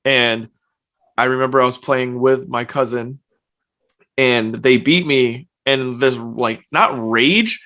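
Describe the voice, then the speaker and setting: A young man, a streamer and personal trainer, is a guest on a podcast, talking slowly in a mid-range voice at home in the evening. The interview chat is casual, and he sounds relaxed and chatty, filling his speech with lots of "like."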